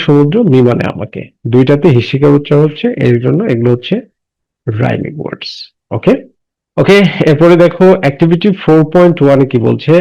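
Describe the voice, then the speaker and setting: A man teaching a class. He asks questions and answers them himself, and reads English sentences slowly and deliberately. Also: medium pitch, creaky, dark tone. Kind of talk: classroom lesson explaining English words in Bengali. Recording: dull lo-fi recording.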